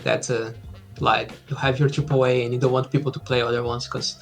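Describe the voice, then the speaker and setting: A Brazil-born indie game developer in his thirties is a guest in a casual interview, talking over a laptop video call from a room at home with faint music behind. He's easygoing and hesitant with many fillers, in a medium-pitched, level, fairly quick voice.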